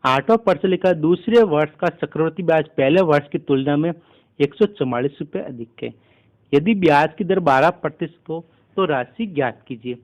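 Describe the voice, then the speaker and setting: A man talks through exam maths problems in a steady, step-by-step way. His voice sits a touch higher than most men's, and he keeps the tone of a patient tutor. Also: normal speed, highs cut off. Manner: steady step-by-step explaining, keeps addressing listeners as friends. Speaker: maths teacher. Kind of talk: exam-prep maths lesson.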